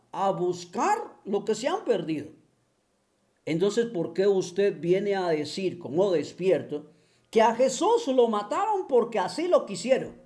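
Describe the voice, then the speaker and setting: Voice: mid-range voice, mellow. A speaker giving a mocking monologue, firing taunting rhetorical questions over and over with scornful chuckles. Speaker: online religion critic.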